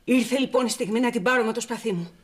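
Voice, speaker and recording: A woman's voice: fairly high pitch, natural voice. An actress playing a determined woman magazine editor who defends her promotion in a firm, self-justifying way. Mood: defiant. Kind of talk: TV soap drama acting.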